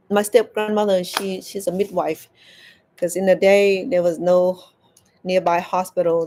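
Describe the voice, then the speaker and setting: Woman telling a story haltingly. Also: lowish voice, darkish tone. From Cambodia. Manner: halting, repeats words as she searches for them. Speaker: crochet vlogger. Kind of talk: casual storytelling while crafting.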